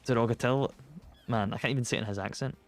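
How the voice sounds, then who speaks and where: A man's voice: lowish voice, rapid-fire, fairly bright tone, faint music behind. A Scottish man streaming a video game live, talking casually and swearing while mocking himself.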